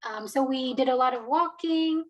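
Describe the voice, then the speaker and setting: High-voiced woman, hesitant and chatty. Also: moderate pace, highs cut off. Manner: hesitant, many fillers and restarts. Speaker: alumna guest. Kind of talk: casual interview answers.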